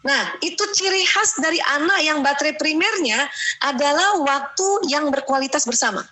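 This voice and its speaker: Woman, middle-aged, Indonesian accent, religious parenting lecture, chatty, bright tone, fairly high voice. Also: animated, normal speed, low-quality recording. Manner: chatty, acts out mothers' voices, frequent "ya" checks.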